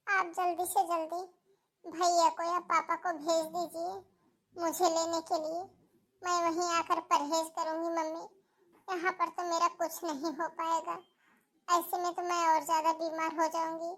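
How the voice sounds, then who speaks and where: A woman voicing a grieving young married daughter in an animated family drama, plaintive and complaining about her in-laws. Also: very high-pitched, a little slow, heavily acted.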